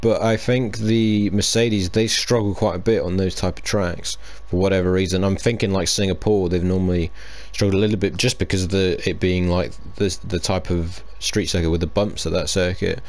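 A man hosts a casual sports podcast, chatting in a hesitant way full of fillers and restarts. His voice is low and steady, at a moderate pace with few pauses.

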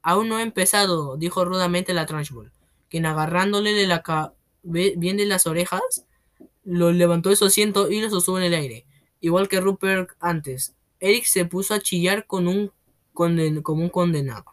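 A narrator reading a children's novel aloud in steady storytelling, dropping the voice on speech tags. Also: medium pitch, moderate pace.

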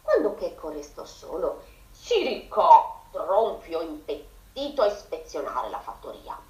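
A teacher, a woman, reading a children's story aloud on radio with a very expressive voice. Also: lowish voice, a little slow, echoey room, rough recording.

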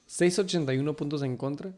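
This co-host of a sports league podcast talks fast in a slightly high, somewhat mellow voice. He's a Mexican man with a Chicano-tinged accent, joking about the fantasy league in slangy chatter that keeps dropping into English.

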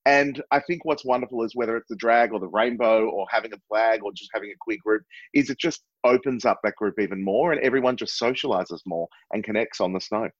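A man who performs in drag, chatting casually in an excitable, rambling, flamboyant way. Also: lowish voice, a little fast, hardly any pauses, breathy edge, no room sound. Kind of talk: casual chat. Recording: dull lo-fi sound.

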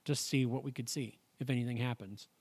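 A man's voice: mid-range voice, fairly even intonation, fairly quick, darkish tone. A man hosting a casual podcast, reading out stories and thinking aloud in a rambling, jokey way. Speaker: podcast host.

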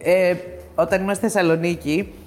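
Greek-speaking actress telling lively anecdotes. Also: female voice, on the low side, long reverb tail, a little hiss or hum. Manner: animated anecdotes with many hesitations. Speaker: guest actress. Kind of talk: casual interview storytelling.

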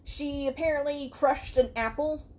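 A woman's voice: sits high, steady tone, moderate pace, darkish tone. A woman co-hosting a casual podcast, telling a true story in a chatty way, laughing and acting out quotes. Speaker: podcast co-host.

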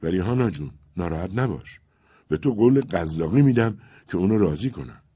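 Storybook role: passionate young Cossack suitor, loud and coaxing, read by a male narrator. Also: low voice, lively intonation, slightly rough, no echo, clean studio sound. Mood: earnest. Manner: loud, eager pleading. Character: young Cossack man, ardent and teasing.

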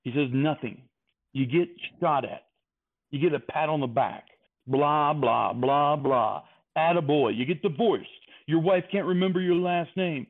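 A man's voice: on the high side, measured pace. A man putting on a weary, wisecracking male cop hero who grumbles through a world-weary monologue. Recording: tinny phone-like line.

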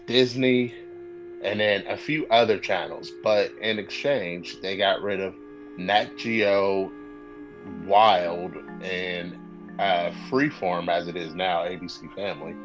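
A man co-hosting a podcast, talking casually and excitedly, often wandering off into side notes. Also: deep voice, takes it slowly, over music. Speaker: podcast co-host. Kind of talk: casual chat.

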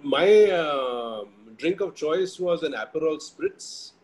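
A man being interviewed on a podcast, giving calm, measured, agreeable answers. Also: a little high. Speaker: guest. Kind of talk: casual interview chat.

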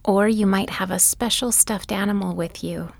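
A woman guiding a bedtime body-scan meditation, speaking softly and gently, often in a whisper. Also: mid-range voice, fairly even intonation, creaky, dry recording. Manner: soft, often whispered delivery; gentle, soothing and unhurried. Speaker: meditation guide.

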